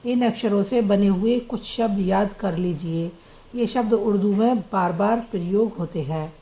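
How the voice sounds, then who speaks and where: A woman's voice: mid-range voice, unhurried, mellow, poor audio. A woman teaching Urdu script, patiently spelling out words letter by letter. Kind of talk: slow spelling-out lesson.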